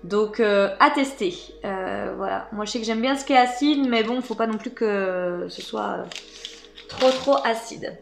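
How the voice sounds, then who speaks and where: A woman's voice: medium pitch, measured pace, creaky, soft background music. A woman chatting casually as she unboxes snacks for her channel, hesitant and full of fillers. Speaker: vlogger.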